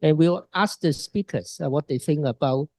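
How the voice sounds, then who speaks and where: A man's voice: a little high, moderate pace, a little mellow, dry recording. A man moderating a panel forum, outlining the session with many hesitant fillers. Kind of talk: panel introduction.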